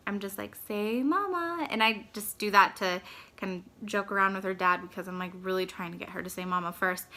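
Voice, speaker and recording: A woman's voice: medium pitch, bright, forceful tone. A young woman, a mother, chatting casually in a vlog, rambling with lots of filler words. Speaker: mother vlogger. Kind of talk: casual chat.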